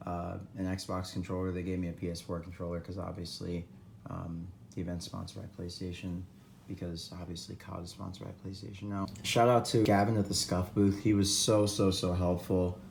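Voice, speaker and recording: Hosting his esports news vlog, this Atlanta man speaks to camera with a low, hoarse, tired voice and a darkish tone, over a slight hiss or hum. His manner is relaxed and eager, and he often repeats words for emphasis.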